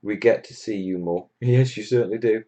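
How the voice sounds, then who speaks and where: Running a hobby livestream Q&A, a man from Wales talks to viewers bluntly, jokily and like a mate. His voice is lowish and dark-toned, and he speaks fairly quickly.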